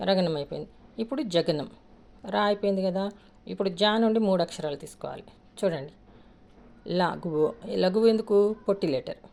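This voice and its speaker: A woman's voice: fairly low pitch, dark tone. A woman teaching a lesson step by step, patiently counting syllables aloud and asking questions she then answers herself.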